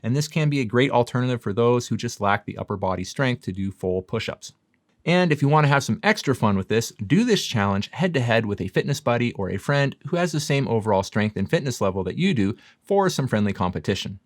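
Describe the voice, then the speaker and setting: A man's voice: mid-range voice, very animated, a little fast, dry recording, clean studio sound. A man presenting as a fitness coach, giving a scripted explainer in an emphatic, upbeat, self-deprecating way. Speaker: fitness coach and video host.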